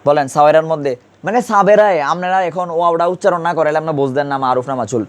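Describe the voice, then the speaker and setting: A man's voice: a little high, rapid-fire. A man teaching an Urdu grammar class, speaking colloquially and patiently drilling pronunciation with repeated questions to his students. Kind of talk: classroom lesson.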